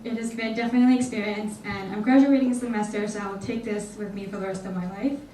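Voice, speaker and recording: A young woman from Hong Kong gives an earnest welcome speech as a student organizer. Her voice is mellow and sounds distant, echoing through a large hall. A faint hum of room noise sits underneath. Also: medium pitch, steady tone, fast. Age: young adult. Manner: earnest, slightly nervous. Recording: echoey hall from far off.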